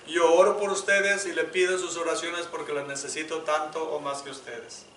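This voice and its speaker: A man preaching a sermon as pastor, moving between loud appeals and hushed prayer. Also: on the high side, steady tone, normal speed, slight background noise. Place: church sanctuary. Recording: echoey church room, mic at a distance.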